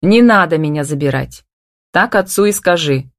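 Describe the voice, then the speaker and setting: A woman's voice: low voice, lively intonation, moderate pace, dry recording, clean studio sound. A woman voicing Tatiana, a sarcastic snapping woman. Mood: snappish. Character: sharp-tongued sarcastic young woman.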